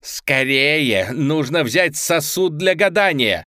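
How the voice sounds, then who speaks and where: Властная злая ведьма в исполнении мужчины-чтеца сыплет приказами повышенным, визгливым голосом. Звук близкий и сухой, как в студии звукозаписи аудиокниг. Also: male voice, on the high side, expressive, takes it slowly, pushed and bright, no echo, clean studio sound, voice pushed up, heavily acted. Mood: нетерпеливо. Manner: визгливый, повелительный крик. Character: шипящая злая ведьма Люсинда, властная и вспыльчивая. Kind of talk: чтение аудиокниги с озвучкой персонажей.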